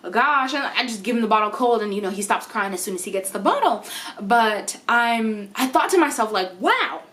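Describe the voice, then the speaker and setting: A woman's voice: on the high side, lively intonation, fairly quick, a bit bright. A woman talking to camera in an earnest, encouraging way, giving motivational advice in a casual vlog. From United States. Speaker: vlogger.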